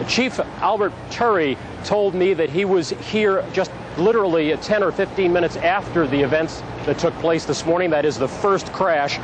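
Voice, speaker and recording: A man giving an unscripted live news report from outdoors, recounting events in a halting, measured way. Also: high-pitched. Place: outdoors on a city street. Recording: clear outdoor traffic noise.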